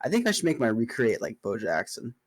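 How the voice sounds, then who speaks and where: A young man on a podcast who keeps his answers short and dry. His voice sits at a plain middle pitch, and he delivers his jokes flatly. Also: fairly quick. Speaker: podcast co-host. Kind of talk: casual chat.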